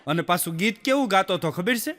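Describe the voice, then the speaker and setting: A man's voice: high-pitched, lively intonation, fast talker, fairly bright tone. A male stand-up comedian, telling folk jokes in a chatty way with acted quotes. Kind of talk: Gujarati folk comedy storytelling. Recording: long hall reverb.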